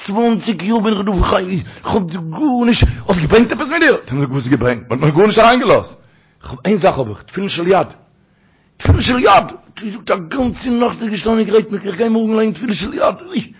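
A man's voice: sits high, expressive, brisk, slightly rough, full character voice. A man voicing a tearful man who pleads in bursts, heard on a dull lo-fi recording. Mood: tearful pleading.

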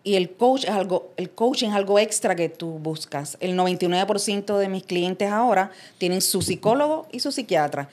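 Animated woman from Cuba. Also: mid-range voice, moderate pace, few pauses. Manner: animated storytelling, acts out quoted voices, laughs often. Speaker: guest, transpersonal coach. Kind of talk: casual interview chat.

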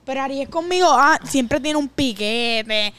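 A woman in a casual family podcast, airing complaints with animated mimicry of others. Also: high voice, unhurried, clean tone.

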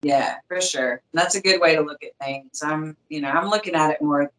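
Woman, 30s, light Southern US accent, lowish voice, rambling casual guest. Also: moderate pace, fairly bright tone, rough recording. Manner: rambling, many fillers and restarts. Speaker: guest, former boxing champion. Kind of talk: casual interview chat.

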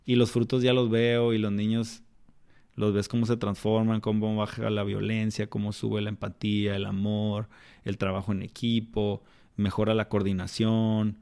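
A man's voice: on the low side, flat delivery, moderate pace, darkish tone, clean tone. A man with a Mexican accent, a mentor of children, talking in a casual interview in a colloquial, reflective way full of slang. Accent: Mexican Spanish.

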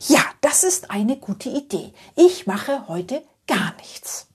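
A drowsy, easygoing woman fresh home from a long journey mulls things over in a slow, dreamy way, as a woman storyteller gives her voice. Her tone is soft and very breathy, and her pitch drifts up and down. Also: sing-song, exaggerated voice. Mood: drowsy musing.

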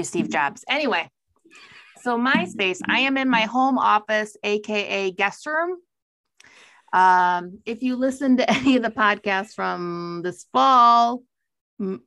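A woman's voice: medium pitch, creaky, a bit bright. A woman co-hosting a podcast, chatting playfully and laughing often from her home office. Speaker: podcast co-host. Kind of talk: casual chat.

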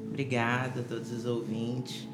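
Her voice is very deep and her delivery flat as this woman from Rio de Janeiro, Brazil, speaks at a moderate pace. She's a podcast interview guest recounting personal testimony, stumbling through many fillers and restarts. The room echoes and music plays behind.

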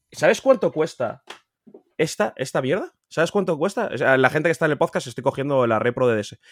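A man from Spain with a Spain Spanish accent, a collector guest talking casually on a podcast, emphatic and animated, repeating words and swearing freely. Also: no echo, studio quality. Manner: animated, pitch jumping up when insisting. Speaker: guest, video game collector.

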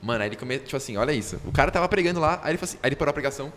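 Young man, podcast co-host, talks very fast, slangy, hall echo. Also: mid-range voice, expressive, a bit bright. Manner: rapid, slangy storytelling. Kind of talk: casual chat. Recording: long hall reverb, faint noise.

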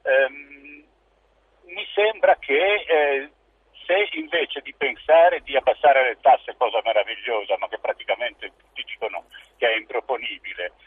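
A man's voice: mid-range voice, husky, dry recording. A man calling in to a radio show over the phone, giving a blunt and hesitant comment with many fillers. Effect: heard over a phone line. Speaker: radio call-in listener. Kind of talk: casual call-in comment. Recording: tinny phone-line audio.

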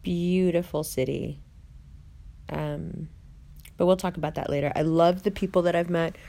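A woman hosting a casual online video, chatting to viewers with rolled R's and deliberate pauses in an opinionated, conversational way. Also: fairly low pitch, steady tone, gravelly, dark tone. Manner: rolls her R's. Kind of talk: casual chat, talking to viewers.

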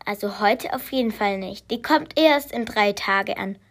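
A woman voicing a patient mother who answers her child in a calm, matter-of-fact way in a storybook reading. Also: mid-range voice, a little slow. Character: patient, slightly tired mother.

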